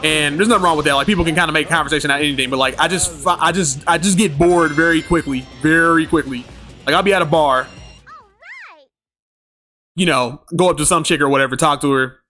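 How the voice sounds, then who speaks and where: A man streaming a game, chatting casually and telling stories in animated slang, laughing often. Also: fairly high pitch, fast talker, soft background music. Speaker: gaming streamer. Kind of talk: casual livestream chat.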